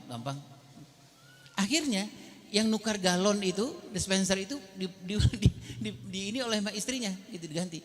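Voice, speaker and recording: A man with a notably high voice gives a lively parenting talk, joking at his own expense as he speaks to the parents. His voice carries a long reverb, as in a large hall. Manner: humorous, self-mocking storytelling, often addresses the audience directly.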